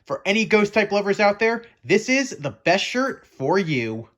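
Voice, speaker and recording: Very animated yet unhurried, this high-voiced host of a Pokemon education show sounds a bit bright. He speaks theatrically and chattily to viewers as a playful professor, asking the audience questions along the way.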